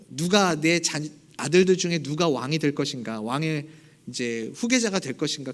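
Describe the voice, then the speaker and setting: High-voiced male pastor telling a story. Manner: conversational storytelling, acts out voices. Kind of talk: sermon. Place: church sanctuary.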